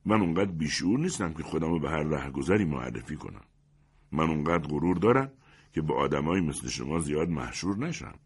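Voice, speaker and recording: A proud, aloof stranger at a wedding who looks down on everyone and answers in a calm, cutting way, read by a man in a storybook. The voice is very low and husky. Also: exaggerated voice. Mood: disdainful. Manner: calm, haughty and disdainful. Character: arrogant, aloof swarthy man, wedding gatecrasher.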